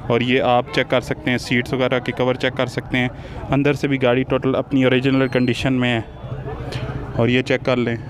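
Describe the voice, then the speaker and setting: A man's voice: mid-range voice, monotone, moderate pace. A man, hosting a car sales vlog at an outdoor used car market and talking into a hand-held lapel mic in upbeat, repetitive salesman patter. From Pakistan. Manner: upbeat, repetitive salesman patter, urging viewers to check every part. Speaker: car vlogger. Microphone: lapel mic held in hand, selfie camera. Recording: outdoor traffic and crowd noise.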